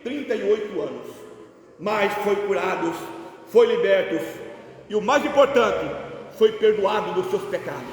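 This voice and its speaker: Brief: Brazilian Portuguese male preacher, very high voice, fervent Pentecostal delivery, church hall with long echo. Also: lively intonation, moderate pace, far from the mic. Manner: fervent, peppered with "glória a Deus" and "amém". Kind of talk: Pentecostal sermon. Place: church sanctuary.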